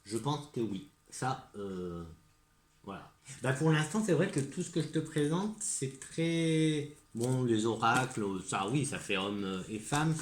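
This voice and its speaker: A man's voice: medium pitch, very animated, a little slow, reverberant, slight background noise. A man with a French accent chatting casually as a vlogger, hesitant and full of fillers, and eagerly repeating his praise. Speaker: vlogger presenting gift ideas. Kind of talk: casual chat to camera.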